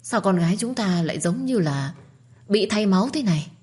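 Flustered older village father from a storybook, loud and high-pitched, read by a woman. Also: lively intonation, moderate pace, slightly rough. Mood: baffled. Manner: shouting, flustered.

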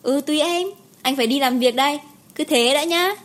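A woman voicing a calm, teasing young male doctor in an audiobook, speaking in an unhurried way. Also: sits high, pitched above the performer's own voice, lightly acted.

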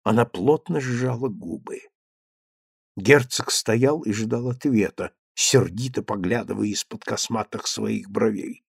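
A man narrating an audiobook in an expressive, animated manner. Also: fairly low pitch, unhurried, creaky, breathy edge, dry recording, studio quality. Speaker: reader.

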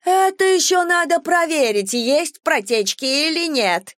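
Женщина в роли визгливой напористой немолодой соседки, для аудиокниги. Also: female voice, expressive, a little slow, fairly bright tone, dry recording, clean studio sound. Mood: contemptuous shrieking. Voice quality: shrill, squealing. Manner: screeching, accusatory. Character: shrill pushy older woman neighbor.

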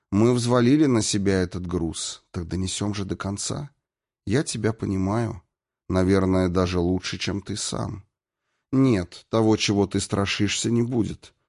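Audiobook: cool young woman, read by a man, quiet and calm, low register. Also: gravelly, full character voice. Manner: cool, calm, faintly mocking. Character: young woman, cold and self-assured. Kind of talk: audiobook character voice.

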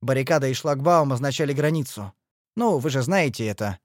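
Lively male audiobook narrator. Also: medium pitch, brisk, dry recording, studio quality. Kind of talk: expressive audiobook reading.

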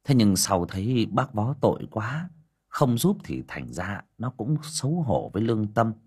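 Husky, low-voiced male storyteller. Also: unhurried. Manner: expressive, dramatic storytelling. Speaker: audio story narrator, livestream host. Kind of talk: storytelling narration.

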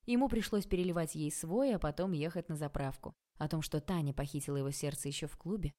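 A woman narrating an audiobook in a calm, even reading voice. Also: low-pitched, fast.

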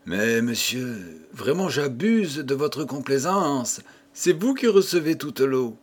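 A man reading an audiobook who voices a coy young working girl with a playful, gently mocking manner. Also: medium pitch, sing-song, slow, breathy edge, full character voice. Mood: coy teasing.

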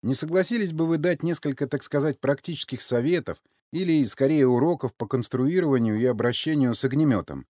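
A man's voice: mid-range voice, fairly quick, hardly any pauses, dark tone, no room sound, studio quality, pitched above the performer's own voice, close to an everyday voice. A man reading an audiobook, voicing a wry, polite man who coaxes others along. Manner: wry, coaxing. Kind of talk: audiobook character voice.

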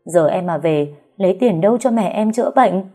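A woman's voice: lowish voice, lively intonation, normal speed, dark tone, faint music behind. A woman doing a whiny young maid. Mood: pleading. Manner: pleading, coy whining. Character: young wheedling housemaid girl.

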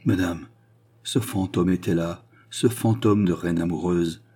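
A man's voice: sits low, unhurried, dark tone, breathy edge. A man voicing an anguished, melancholy nobleman in an audiobook, speaking with grave, tormented intensity.

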